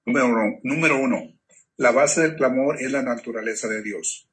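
A man's voice: medium pitch, moderate pace, fairly bright tone. A man from a Bible study class reading a numbered point aloud, steadily.

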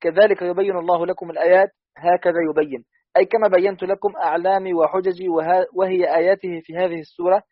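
A man reading a classical text aloud in a quick, steady recitation for a study lesson. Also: high voice, dry recording. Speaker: student reader. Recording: dry, dull lo-fi audio.

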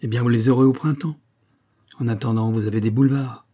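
A self-assured young woman teases in a warm, husky voice, as a male reader puts her on. She talks briskly and with light mockery. It is an audiobook reading. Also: mid-range voice, steady tone, close to an everyday voice. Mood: teasing.

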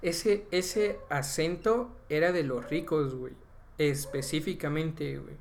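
A man's voice: on the high side, unhurried, vocal fry, a little mellow, a little hiss or hum. A young Mexican man on a casual podcast, explaining at length and tagging nearly every phrase with a slang filler. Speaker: podcast co-host. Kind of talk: casual chat.

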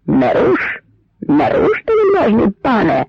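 A man's voice: fairly high pitch, expressive, a little slow, gravelly, slightly rough, no room sound, heavily acted. A man voicing a trembling, pleading old villager. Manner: pleading, trembling, secretive whisper. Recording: dry, slightly muffled lo-fi recording.

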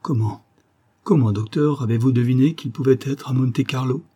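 A man's voice: normal speed, dark tone, husky, natural voice. A man reading aloud voices an anxious, tearful wife who pleads emotionally in an audiobook. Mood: overwhelmed. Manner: emotional and pleading, raised pitch.

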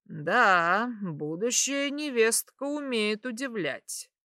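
A sly, scheming middle-aged emperor who savours his words, put on by a woman reading a storybook. His delivery is unhurried. The voice sits close and dry. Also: fairly high pitch, expressive, pushed and bright, no room sound, exaggerated voice. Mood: pleased.

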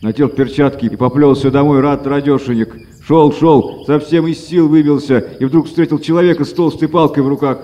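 A man reading a fairy tale aloud as a storyteller, lively and acted out. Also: fairly high pitch, fairly quick, hardly any pauses, lo-fi sound. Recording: echoey reverberant room.

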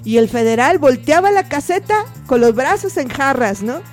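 A woman, her voice sitting a little high, tells an anecdote in a relaxed, chatty way. She slips into the voices of the people she quotes, jumping up and down in pitch to act them out. Faint music plays behind her. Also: moderate pace. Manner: animated, acts out the voices of people in her story. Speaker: interview guest. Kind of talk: casual anecdote telling.

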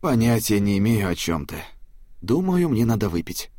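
Brief: man voicing a strict dad, commanding, husky, loud. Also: fairly low pitch, sing-song, moderate pace, no echo, studio quality. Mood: grumbling. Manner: commanding, barking. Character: stern middle-aged father, quick to shout.

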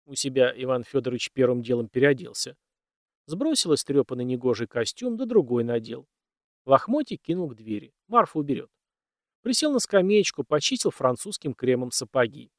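A man narrating a story in an expressive, folksy storytelling manner. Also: mid-range voice, no room sound, studio quality.

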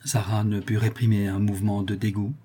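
A man narrating a classic novel as an audiobook in a measured, dramatic way. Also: lowish voice, level tone, warm tone, husky. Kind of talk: scripted narration.

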